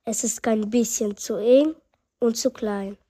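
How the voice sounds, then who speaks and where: Woman playing a grumbling old grandma, unhurried, wailing in rhyme. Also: a little high, fairly even intonation, heavy background noise, close to an everyday voice. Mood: relieved. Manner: rhyming, wailing lament. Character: fretful old grandmother, forever complaining. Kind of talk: rhyming story reading.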